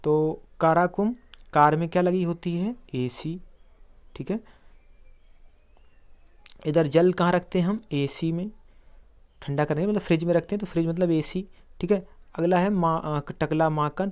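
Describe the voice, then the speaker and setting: On video, a man teaches an exam-prep lesson, explaining memory tricks and answering his own quiz questions while calling viewers friends. His fairly high voice is smooth and a little mellow, at a moderate pace with frequent pauses.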